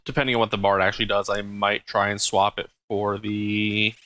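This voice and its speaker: Bright-voiced man commenting on gameplay. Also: fairly low pitch, level tone, normal speed. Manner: thinks aloud with frequent ums and uhs. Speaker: let's play host.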